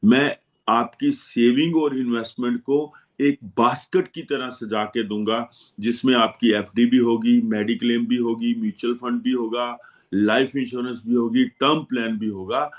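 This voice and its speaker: A man's voice: medium pitch, fairly even intonation, moderate pace. A man speaking as a guest to financial advisors, giving a motivational talk in which he repeats his slogans to rally them. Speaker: guest speaker on insurance and investment.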